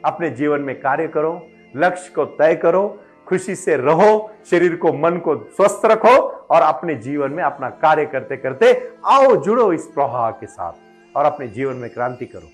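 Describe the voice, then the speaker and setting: A man's voice: a little high, expressive, unhurried, faint music behind. Emphatic devotional speaker, man. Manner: emphatic, rising to exhortation. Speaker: motivational spiritual speaker. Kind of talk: devotional motivational address.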